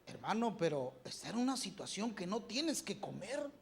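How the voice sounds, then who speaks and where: A preacher in full sermon mode speaks in a church and keeps turning to the congregation with direct questions. The pitch sits in a middle register. The delivery swings from loud, emphatic lines to quieter asides. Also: normal speed, creaky. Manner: animated, shifting loudness.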